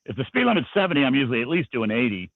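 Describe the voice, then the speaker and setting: A man's voice: mid-range voice, very animated, racing, vocal fry, no room sound, phone-quality sound. A man chatting casually on a podcast, acting out the dialogue in his stories. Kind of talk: casual storytelling chat.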